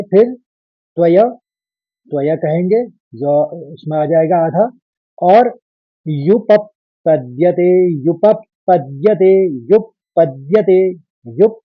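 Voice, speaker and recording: A man teaching how to pronounce a verse line by line. He chants the lines slowly and loudly, then explains in a low, quiet voice. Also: husky, no echo, phone-quality sound. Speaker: Sanskrit recitation teacher. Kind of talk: step-by-step verse pronunciation lesson.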